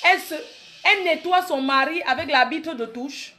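Brash mocking woman with a high voice. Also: moderate pace, bright, forceful tone. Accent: Cameroonian French. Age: 30s. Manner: brash, mocking, boastful taunts at critics. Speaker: comedic vlogger. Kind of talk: satirical comedy monologue.

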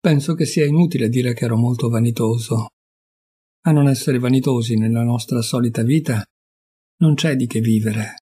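A man's voice: mid-range voice, normal speed, mellow, slightly rough. A man reading a classic story aloud as an audiobook, intense and dramatic, rising into fury in the angry passages. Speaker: audiobook reader.

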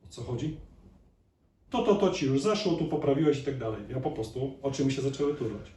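This chiropractor's mid-range, dark voice is expressive and brisk as he lectures live and conversationally, frequently quizzing his listeners. It was captured in an echoey lecture hall through a distant microphone, with a little background noise.

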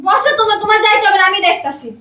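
A woman's voice: very high-pitched, racing, bright, forceful tone, reverberant. A woman playing a sulky young married daughter with a Bangladeshi Bengali accent, snappy and defensive.

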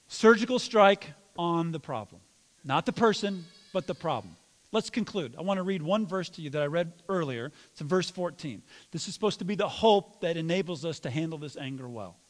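A man preaching a sermon as pastor, questioning his congregation directly and sometimes mock-yelling. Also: sits high, big-room sound. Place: church sanctuary.

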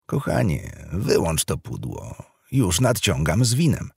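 A man's voice: deep voice, huge pitch swings, a little slow, creaky, darkish tone, breathy edge, no room sound, studio quality, exaggerated voice. A man voicing a cheerful, easygoing middle-aged husband in an audiobook. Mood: jovial. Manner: jovial, easygoing.

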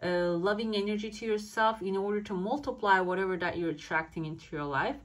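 A woman's voice: mid-range voice, brisk. A woman speaking as a fortune teller, giving a coffee cup reading to viewers in searching, interpretive phrasing. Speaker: fortune teller, channel host.

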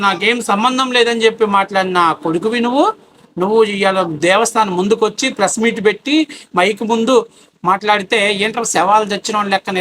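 Fast, bright-voiced man ranting angrily. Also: sits high, a little hiss or hum. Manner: abusive, taunting, shouting rhetorical questions. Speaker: political commentator. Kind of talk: angry political rant.

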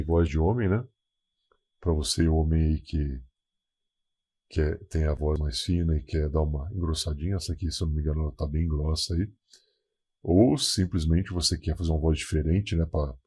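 A Brazilian man giving a casual software tutorial through a voice changer that thickens his voice. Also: breathy edge. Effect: deep male voice-changer filter.

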